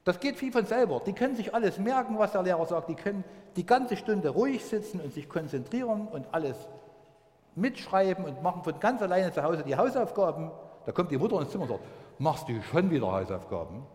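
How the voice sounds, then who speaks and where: Lively man preaching to children. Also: high voice, a little fast. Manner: lively storytelling, acts out quoted voices. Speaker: pastor. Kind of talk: children's sermon. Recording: long church reverb.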